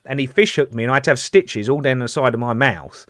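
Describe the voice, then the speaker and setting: A man, a former police officer co-hosting a podcast, telling a lively anecdote in a casual chat. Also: mid-range voice, quick pace, no room sound.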